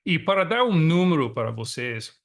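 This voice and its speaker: On video from a small suburban town, a guest panelist and magazine editor from Texas speaks in an online panel. He's a native English speaker with an American accent carrying a lilt from the São Paulo countryside, relaxed and chatty with frequent filler pauses. His pitch is fairly high, swinging widely, and slightly bright.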